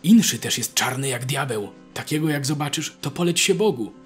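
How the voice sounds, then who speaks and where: Guy putting on a know-it-all peasant soldier, folksy, full of scare talk, over soft music. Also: mid-range voice, sing-song, moderate pace. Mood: boastful, scaremongering. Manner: folksy rural dialect, scaremongering. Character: shrewd older male peasant soldier, boastful know-it-all.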